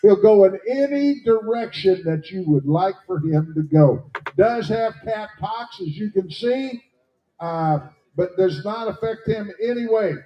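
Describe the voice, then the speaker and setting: A man announcing at a horse sale, plainly pitching each horse's skills to buyers. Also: expressive, measured pace, muffled recording. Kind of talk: sales pitch. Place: horse auction ring.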